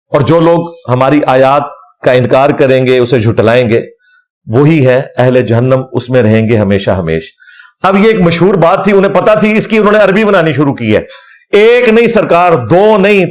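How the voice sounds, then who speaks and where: A man with a fairly high voice gives a religious lecture as a scholar. He talks with animation and scorn, and his pitch swings up and down. He breaks into Arabic verses between his points. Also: a little mellow. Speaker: Islamic scholar.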